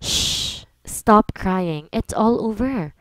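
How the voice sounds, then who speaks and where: Lady playing a protective young husband, soft and reassuring, mid voice, dry recording. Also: medium pitch, expressive, drawn-out words, no echo. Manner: tender, reassuring.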